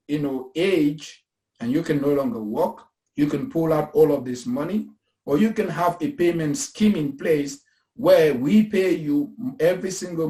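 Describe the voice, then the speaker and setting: A Cameroonian man in his thirties, founder of an investment company, gives a casual pitch talk in a mellow, somewhat high voice. He speaks earnestly about investing and pensions, repeating his points with preacher-like emphasis in an echoey room.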